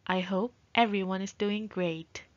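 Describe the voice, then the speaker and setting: A woman English teacher giving a young children's lesson, teaching them to count, slowly and with prompts to repeat, on a muffled recording. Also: medium pitch, fairly even intonation.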